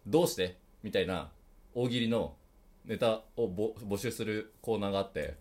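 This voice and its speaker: A man co-hosting a casual talk show, teasing his partner in a deadpan, provoking way. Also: fairly low pitch, normal speed. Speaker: podcast co-host. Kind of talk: casual banter.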